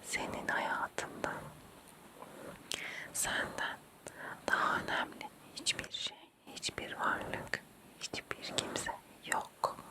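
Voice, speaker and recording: An ASMR host whispers through a role-play as if it were night, softly reassuring the listener and coaxing them toward sleep. The hushed bedtime whisper is slow and repetitive, with words said over and over.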